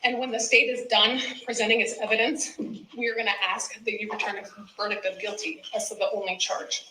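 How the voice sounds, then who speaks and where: Bright-voiced female prosecutor in an echoey courtroom. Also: a little high, flat delivery, fairly quick. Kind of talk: courtroom opening statement. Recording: echoey courtroom, clear background noise.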